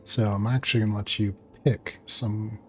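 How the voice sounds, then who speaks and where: A man with a low voice runs a tabletop game, narrating and chatting in hesitant, improvised phrases. A faint layer of noise sits behind him. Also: steady tone, moderate pace, fairly bright tone. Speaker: game master. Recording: clear background noise.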